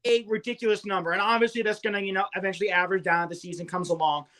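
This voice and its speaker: A man's voice: high-pitched, fairly even intonation, very fast, fairly bright tone. A young man co-hosting a fantasy baseball podcast, rattling off stats with enthusiasm. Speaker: co-host.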